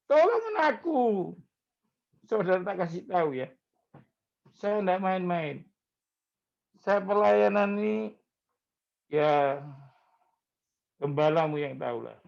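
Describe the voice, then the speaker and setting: A male pastor, preaching in a slow, conversational way and mixing in words. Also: high voice, gravelly, dull audio. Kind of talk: sermon.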